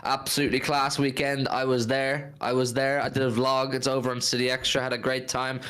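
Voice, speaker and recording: A man's voice: mid-range voice, little pitch movement, brisk, a bit bright, clean tone. A British man hosting a football fan live stream, chatting casually in a blokey, enthusiastic way and repeating phrases for emphasis.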